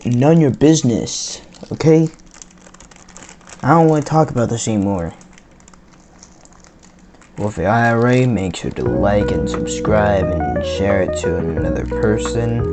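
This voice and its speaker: Brief: casual male reactor, sarcastic and meandering, lively pitch, faint music behind. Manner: sarcastic, rambling. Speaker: video reactor.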